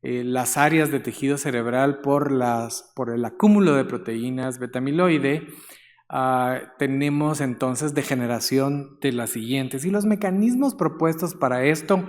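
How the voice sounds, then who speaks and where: A man's voice: medium pitch, a little slow. Guatemalan man lecturing in a reverberant hall. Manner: conversational, with frequent "eh" fillers and light humor. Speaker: guest lecturer, neurologist. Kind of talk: conference lecture.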